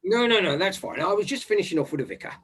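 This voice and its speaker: Actor as a fumbling police inspector, husky voice, lively pitch, halting, polite, stage murder mystery. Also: male voice, exaggerated voice. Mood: inquiring. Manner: hesitant, halting, polite formal address.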